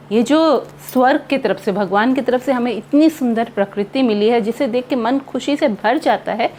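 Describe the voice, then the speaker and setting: A woman teaching English with an Indian English accent. She reads a poem aloud slowly, then explains it in Hindi mixed with English words. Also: sits high, darkish tone, slight background noise.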